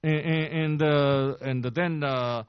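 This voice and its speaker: Halting Japanese-accented man briefing the press. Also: fairly high pitch, steady tone, clean tone, dry recording. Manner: halting, many fillers and restarts, grows emphatic. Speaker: press briefer, former diplomat. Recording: dull lo-fi sound, dry.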